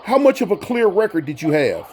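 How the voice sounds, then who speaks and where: Interviewer, male, high voice; casual, emphatic, leans on repeated phrases. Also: sing-song, a little fast, darkish tone, breathy edge. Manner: emphatic, repeats answers back for stress. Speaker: interviewer, host.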